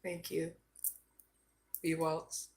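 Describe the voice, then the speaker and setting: A woman from Arizona giving a live card reading, slow and soothing, often checking in with "okay?". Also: low-pitched, monotone, a little mellow. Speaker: psychic card reader.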